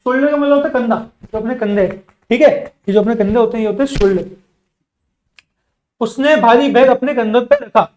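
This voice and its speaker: A man's voice: extremely high pitch, darkish tone, slight background noise. Echoey, patient male language teacher. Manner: slow, carefully spaced English example sentences; repeats words and asks the class questions back. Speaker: spoken English teacher. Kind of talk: bilingual classroom lesson.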